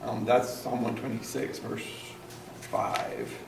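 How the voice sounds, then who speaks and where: A man's voice: mid-range voice, little pitch movement, takes it slowly, gravelly. A male pastor preaching with earnest energy and a middle-range voice. He is picked up from some distance in an echoey church hall. A faint hiss sits under him. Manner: earnest, calls the congregation to repeat lines. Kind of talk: sermon. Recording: echoey room, mic at a distance, faint noise.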